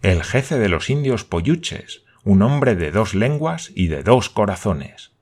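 A man voicing a grave, solemn native guide who answers slowly and tersely. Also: lowish voice, sing-song, darkish tone, full character voice.

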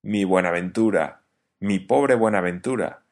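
A man's voice: lowish voice, moderate pace, natural voice. A man doing a hot-tempered old sailor. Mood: outraged. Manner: loud, exclaiming, blunt. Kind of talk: audiobook reading.

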